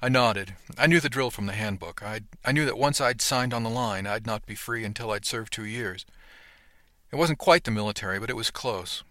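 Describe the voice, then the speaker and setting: A man narrating a first-person audiobook in an earnest, steady storytelling manner, close to the mic. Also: on the low side, moderate pace, no echo.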